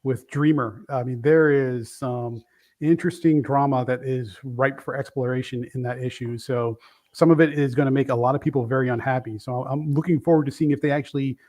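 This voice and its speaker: A Brooklyn, New York man in his fifties chats casually as a guest reviewer, rambling enthusiastically and correcting himself along the way. His medium-pitched, rather dark voice stays steady and moves fairly quickly.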